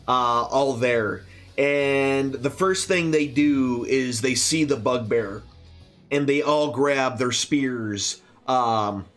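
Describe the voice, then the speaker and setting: A man narrating a tabletop game as game master, with lots of ums and kindas. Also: mid-range voice. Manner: relaxed, filler-heavy narration.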